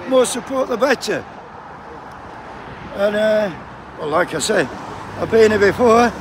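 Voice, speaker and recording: A man's voice: sits high, expressive, measured pace. A man with a Yorkshire accent chatting and joking with passers-by on a picket line, cold, swearing freely. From Sheffield, England. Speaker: striking postal union picketer. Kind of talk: casual vlog chat. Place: outdoor picket line by a busy road. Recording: noisy roadside traffic outdoors. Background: passing traffic.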